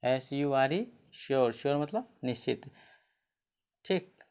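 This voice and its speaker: A man's voice: mid-range voice, animated, takes it slowly, a little mellow, clear, resonant tone. A man teaching English spelling and pronunciation rules, asking questions and answering them himself while spelling words out letter by letter.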